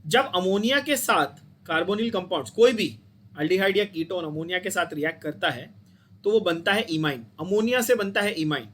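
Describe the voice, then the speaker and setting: A man's voice: high voice, fairly bright tone, slight background noise. A man with an Indian accent teaching chemistry to a class, explaining step by step and checking in with students often. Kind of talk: classroom lecture.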